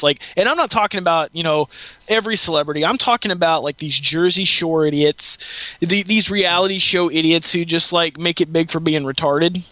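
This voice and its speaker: A man's voice: a little high, sharp tone, dry recording. A man co-hosting a casual podcast, rambling and ranting with lots of restarts. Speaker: podcast co-host.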